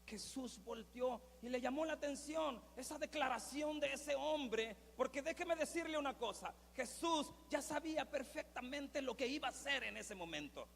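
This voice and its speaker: A male pastor preaches dramatically in a high, bright, gravelly voice. He moves from hushed asides to loud cries. His voice carries a long reverb in a church hall. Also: animated, moderate pace, hardly any pauses, slight background noise. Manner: dramatic, swinging from hushed to shouting. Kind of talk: sermon.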